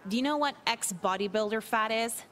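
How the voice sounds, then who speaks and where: A woman playing a deadpan, crude teenage girl. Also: a little high, fairly quick, a little hiss or hum, close to an everyday voice. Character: sardonic, apathetic teenage girl. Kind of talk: video game voice acting.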